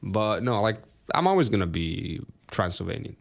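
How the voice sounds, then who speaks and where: Animated man, lively pitch. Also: moderate pace, creaky. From Romania. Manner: animated, sweary, laughs a lot. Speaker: podcast co-host. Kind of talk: casual chat.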